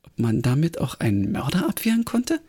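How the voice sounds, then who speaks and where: A man, a podcast host, reading a crime story aloud with expressive storytelling. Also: on the high side, fairly quick, husky.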